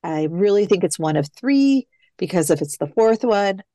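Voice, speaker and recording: A woman's voice: medium pitch, expressive, moderate pace, warm tone, no room sound. A woman who is an adoptee guest, reflectively telling her story in a casual interview and quoting past phone calls. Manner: reflective, retells phone calls with quoted dialogue.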